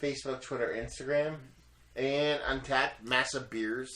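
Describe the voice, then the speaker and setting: A man's voice: mid-range voice, fairly even intonation, measured pace, sharp tone. A man casually hosting a beer review, rambling loosely and tipsily and repeating himself. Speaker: beer reviewer, show host. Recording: echoey room, clear background noise.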